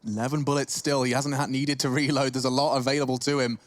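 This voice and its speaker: A man's voice: medium pitch, level tone, quick pace, no room sound. A man doing live commentary on an esports match in the manner of a caster.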